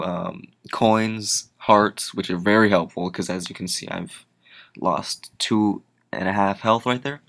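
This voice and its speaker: Tired young guy with a low voice rambling through a game walkthrough, keeps going off on tangents. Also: creaky, a bit bright. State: tired, yawning. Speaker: gaming channel host. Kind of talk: casual gameplay commentary.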